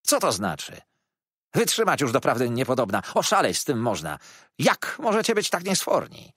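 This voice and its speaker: A man's voice: fairly low pitch, sing-song, moderate pace, fairly bright tone, husky, no echo, studio quality, exaggerated voice. A man voicing a poor, meek male schoolteacher who scolds his class in a raised, trembling voice. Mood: indignant.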